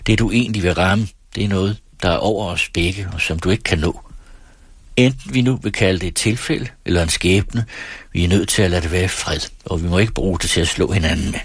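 A man voicing a brooding, earnest thirty-one-year-old man in a read-aloud story, speaking in a measured, hushed way. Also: sits low, slightly rough, dry recording.

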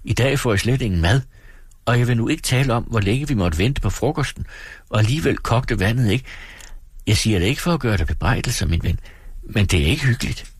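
A man reading the lines of a young husband who reasons gently and earnestly with his wife. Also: mid-range voice, animated, breathy edge, no echo, voice pushed up. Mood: firm, patient.

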